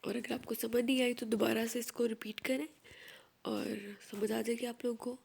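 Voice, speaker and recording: A woman with a Pakistani Punjabi accent teaching an English class in Hindi-Urdu, reading English sentences slowly and then explaining them. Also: a little high, flat delivery, gravelly, darkish tone, slightly rough. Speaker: school teacher. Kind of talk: classroom lesson.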